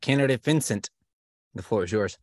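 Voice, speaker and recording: A man's voice: fairly low pitch, expressive, normal speed, dry recording, clean studio sound. A man moderating a mock-formal comedy podcast debate in a wry, mock-formal way.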